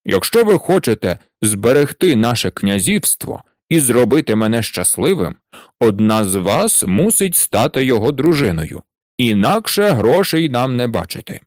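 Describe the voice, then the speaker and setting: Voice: medium pitch, sing-song, normal speed, darkish tone, dry recording, clean studio sound, close to an everyday voice. A narrator voicing an older, cunning prince who urgently pleads with his daughters in a fairy tale. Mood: urgent pleading. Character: worried, cunning old prince and father. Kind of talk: storybook reading.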